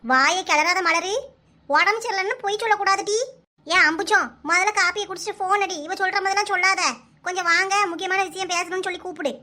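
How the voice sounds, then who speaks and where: A level-headed village neighbour from a cartoon, voiced by a woman, in a very high voice with a Kanyakumari accent. She gives firm, calm advice. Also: fast talker. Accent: Kanyakumari Tamil. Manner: firm, counselling. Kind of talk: cartoon voice acting.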